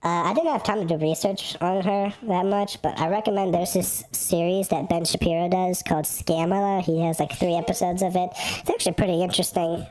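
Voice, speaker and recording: A male livestream host talking through a voice changer that pitches his voice up, rambling casually with fillers and restarts. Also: fairly even intonation, brisk, hardly any pauses, darkish tone, poor audio. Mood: plain. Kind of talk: casual political livestream talk.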